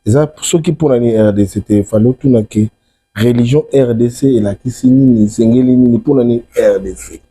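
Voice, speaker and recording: Speaking at a moderate pace in a husky, dark, medium-pitched voice, a Congolese interviewee from the DRC explains his faith. He switches between French and Lingala, has a Congolese accent, and repeats important words for emphasis.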